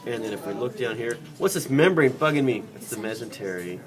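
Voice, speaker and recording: A man with an expressive mid-range voice speaks fairly quickly while teaching biology during a dissection. He jokes, chats and quizzes his students, recorded from afar in a noisy classroom.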